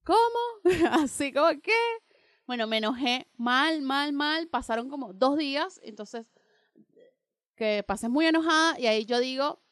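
A young woman co-hosting a radio show, casually telling a personal story and acting out both sides of the dialogue in an animated way. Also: high voice, unhurried, smooth, no room sound, studio quality. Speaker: radio co-host.

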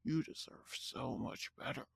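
A woman voicing a disembodied tempting voice that whispers in a hushed, insinuating way. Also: a little slow, close to an everyday voice.

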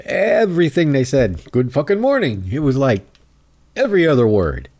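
A man's voice: medium pitch, very animated, normal speed, a little mellow. Profane, chuckling male show host. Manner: profane, chuckling, lots of filler. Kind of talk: casual rambling chat.

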